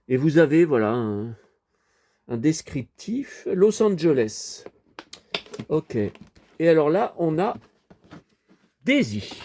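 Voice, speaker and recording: A toy collector rambles casually to his viewers while showing off his collection. He has a medium-pitched voice with a somewhat dark tone.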